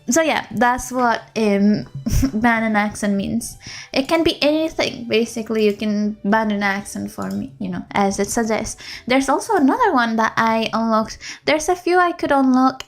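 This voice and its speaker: A woman game streamer chatting casually on a live stream from a room at home, rambling and laughing often. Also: a little high. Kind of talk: casual livestream chat.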